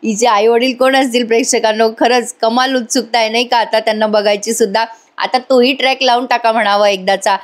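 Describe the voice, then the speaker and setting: A woman narrates a tv-serial recap as a voice-over. She is chatty and teasing and talks straight to her viewers. Her voice sits somewhat high. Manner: chatty, mocking, addressing viewers. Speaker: tv serial reviewer.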